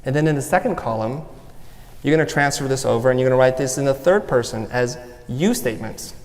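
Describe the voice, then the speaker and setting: A man's voice: medium pitch, a little fast. A man giving a motivational talk on stage, earnest and personal as he walks the audience through an exercise. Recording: long hall reverb.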